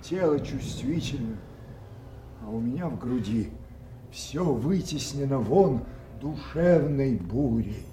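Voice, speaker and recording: Casting: old broken king, slow, declamatory, anguished classical tragedy, faint noise behind. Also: mid-range voice, animated. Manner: brooding, declamatory, swelling from hushed to impassioned. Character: anguished old king losing his mind, betrayed by daughters. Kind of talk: theatrical classical tragedy monologue.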